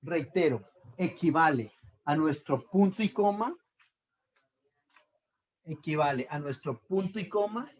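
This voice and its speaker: Man, teacher, slow delivery, repeats terms, checks understanding. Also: a little high, lively intonation. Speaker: Bible teacher. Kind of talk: slow explanatory lesson.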